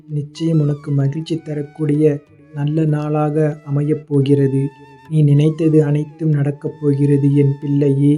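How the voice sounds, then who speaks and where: A man speaks as a kindly father god, reassuring a grieving devotee as his child. The voice is deep-toned and mellow, read in an almost unvarying line, with soft instrumental music faintly underneath. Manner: tender, reassuring, calls the listener his child. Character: gentle divine father god consoling a devotee. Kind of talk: scripted devotional address.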